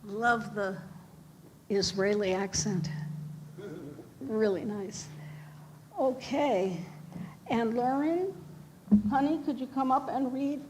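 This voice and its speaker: A woman leading a family worship service in a synagogue, speaking gently and encouragingly to the children helping her. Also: a little high, slow, long pauses. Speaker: service leader. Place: synagogue sanctuary. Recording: noisy live room recording.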